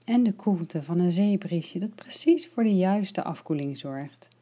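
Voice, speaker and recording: A woman leading a guided relaxation meditation, speaking slowly and softly, at times in a whisper. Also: lowish voice, animated, breathy edge. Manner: slow, soft and soothing, partly whispered.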